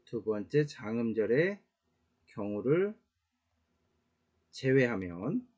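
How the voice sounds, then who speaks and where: A man gives a casual online Latin grammar lesson in a warm, mellow voice. He explains step by step, pausing on "uh" fillers and correcting himself now and then. The recording sounds dull and lo-fi. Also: mid-range voice, big pitch swings. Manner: explains slowly with many "uh" fillers and self-corrections.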